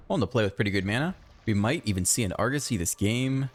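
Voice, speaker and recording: Lively low-voiced man calling a card game. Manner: chatty, thinks aloud, excitable outbursts. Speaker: gaming channel host. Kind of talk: casual gameplay commentary.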